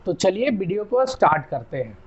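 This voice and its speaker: A young Indian man with an Indian accent, giving a chatty chemistry lesson and often checking "clear?". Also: high-pitched, sing-song, a little fast, lo-fi sound. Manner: chatty, repeats key terms, asks "clear?". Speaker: chemistry teacher. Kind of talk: casual classroom lecture.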